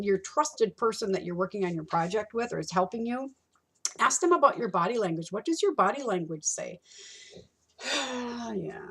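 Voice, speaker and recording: A woman's voice: medium pitch, breathy edge. A middle-aged woman teaching a college course, talking casually through a textbook chapter and acting out customer exchanges. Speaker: college instructor. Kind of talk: recorded lecture walking through a textbook.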